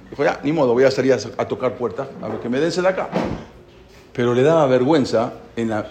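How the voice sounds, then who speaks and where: A man's voice: medium pitch, noisy background. A man giving a sermon and telling a parable, acting out the voices of its characters. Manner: animated storyteller, voices characters. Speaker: rabbi giving a talk.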